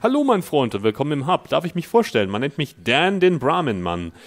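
A man's voice: on the high side, very animated, a little fast, voice pushed up. A man voicing a slick, friendly male merchant who brags about his deals, in upbeat salesman patter. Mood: chummy sales pitch. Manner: upbeat salesman patter, read aloud from the game's dialogue.

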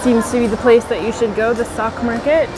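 A woman's voice: a little high, steady tone, a little fast, heavy background noise. A woman in her thirties giving a chatty walking tour of an indoor hotel mall, talking into a handheld camera while she walks. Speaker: travel vlogger. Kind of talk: casual walking tour narration. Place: large indoor hotel shopping mall and hallways. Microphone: handheld camera at arm's length.

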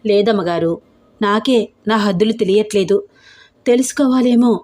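A woman voicing an older, humble house maid who speaks softly. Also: mid-range voice, normal speed, natural voice. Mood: hurt. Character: older loyal female house maid, hurt.

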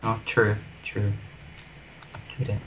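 Over dull audio with a bit of hiss or hum, this gamer co-host's fairly low voice comes through as he builds in a game. He keeps things lively and casual, cracking jokes and quickly ribbing his friend.

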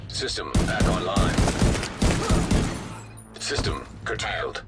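A man's voice: deep voice, big pitch swings, slow pace, creaky, recorded from a distance, heavily acted. A metallic male computer system. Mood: flat robotic. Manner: clipped, emotionless status reports. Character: male suit computer, calm cold robotic system voice. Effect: metallic robot filter. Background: loud game music.

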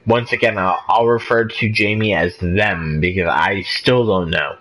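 A man's voice: on the low side, a little slow, a bit bright, low-quality recording. A drunk man chatting casually over a game, rambling and swearing. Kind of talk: casual chat while gaming.

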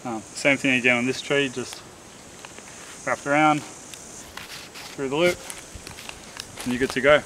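Young Australian bloke, casual vlogger, tired and relaxed, camera a few metres off, hissy outdoor audio with insects. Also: male voice, mid-range voice, a little slow, long pauses. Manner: relaxed, rambling, many fillers and restarts. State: tired after a hot hike. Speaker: bushcraft vlogger. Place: outdoors in the bush by rocks. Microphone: camera on a tripod a few metres away.

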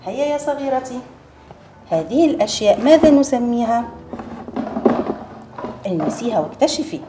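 Lively kindergarten teacher drilling letter sounds. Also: female voice, on the high side, music in the background. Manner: encouraging, repeats letter sounds slowly and clearly. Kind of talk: Arabic letter lesson for young children.

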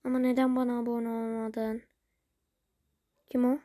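A woman's voice: on the high side, little pitch movement, normal speed, dark tone, no room sound, studio quality. A woman chatting casually to viewers, rambling and grumbling in exasperation. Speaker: video creator.

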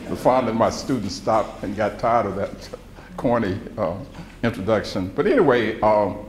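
This retired pharmacology professor, a guest lecturer in his seventies with a central Mississippi accent, has a low, expressive voice and keeps a normal pace. His public lecture is casual and folksy, drawing on personal recollections, and he speaks into a podium microphone in an indoor room where the audience sits. Echo from the live hall and background noise are audible.

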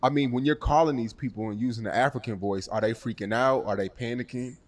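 A man's voice: mid-range voice, steady tone, fast. A young adult man interviewing casually, asking probing questions with many fillers.

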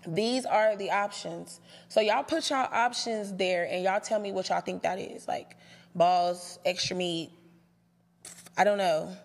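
A young woman with a mid-range voice recaps reality show episodes for her viewers at a measured pace, her sound echoing as if in a big room. She is brash and sassy, swearing freely throughout the casual commentary.

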